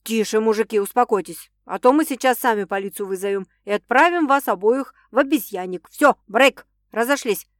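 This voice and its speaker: A woman's voice: a little high, lively intonation, normal speed, hardly any pauses, no room sound, studio quality, close to an everyday voice. A woman voicing a firm, indignant young male coworker in an audiobook. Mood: stern firm. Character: stern young male coworker, calm peacemaker.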